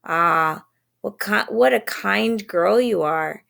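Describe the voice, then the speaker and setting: A woman's voice: medium pitch, slow, vocal fry, a bit bright, exaggerated voice. A woman voicing a sneaky, hungry big wolf in a storybook reading, speaking slyly with a growly, wobbly edge. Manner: sly, growly, wobbly when faking grandma.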